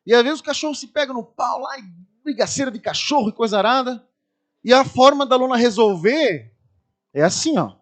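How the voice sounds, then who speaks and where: A man preaching a Sunday sermon with a Brazilian Portuguese accent, telling lively personal anecdotes and acting out people screaming. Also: extremely high pitch, fairly quick. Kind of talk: storytelling sermon.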